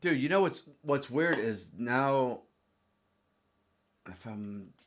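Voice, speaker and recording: A man's voice: medium pitch, expressive, slow. A man from South Carolina with a Southern US accent, chatting loosely about sports on a podcast and often repeating words as he starts a thought. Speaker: podcast co-host. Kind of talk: casual chat.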